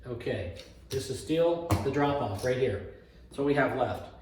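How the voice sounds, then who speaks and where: A man's voice: mid-range voice, lively intonation, measured pace. A man talking like a craps table caller, calling out rolls, bets and payouts and muttering tallies aloud as he repeats numbers. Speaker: craps player demonstrating a betting strategy. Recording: echoey room, distant mic, faint noise, clicks.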